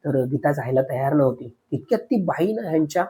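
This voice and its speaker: A man narrating a spoken horror story, addressing listeners as friends, with dramatic pauses. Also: a little high, animated, dark tone, slightly rough.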